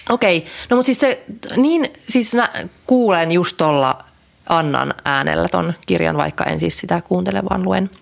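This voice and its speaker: With a lowish, gravelly voice and lively intonation, a young woman co-hosting a podcast chats casually, wandering off track with lots of fillers and restarts.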